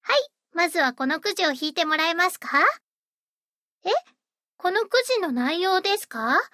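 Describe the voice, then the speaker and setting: A woman's voice: extremely high pitch, lively intonation, normal speed, pushed and bright, no room sound, clean studio sound, heavily acted. A woman voicing a sweet, eager young maid-café hostess who speaks politely and dotingly. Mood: cheerful. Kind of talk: roleplay audio drama.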